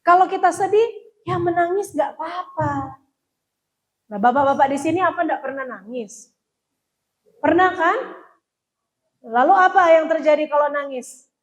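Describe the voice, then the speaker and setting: A middle-aged woman speaks at a church parenting retreat in a high, bright voice. She quizzes her listeners as she goes and acts out little scenes between parents and children. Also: lively intonation, moderate pace, long pauses, rough recording. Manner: asks the audience questions, acts out parents and kids. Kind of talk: lively seminar talk to parents. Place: church hall.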